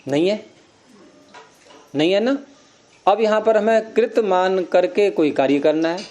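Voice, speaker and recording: A man's voice: sits high, measured pace, darkish tone. A man teaching Sanskrit grammar, explaining step by step and quizzing his students with questions. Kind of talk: classroom lecture.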